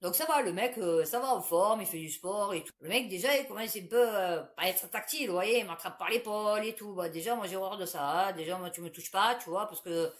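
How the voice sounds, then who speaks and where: A woman's voice: mid-range voice, a little fast, hardly any pauses. A woman, telling a personal story to the camera in a blunt, crude, chatty way, breaking into laughter often.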